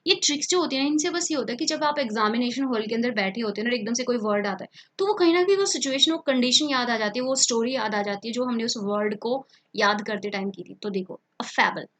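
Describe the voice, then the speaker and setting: A woman's voice: on the high side, quick pace, hardly any pauses, fairly bright tone. A woman teaches vocabulary for competitive exams. She explains each word in Hindi, repeats the terms several times, and keeps checking in with her students as she goes. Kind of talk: online exam-prep lesson.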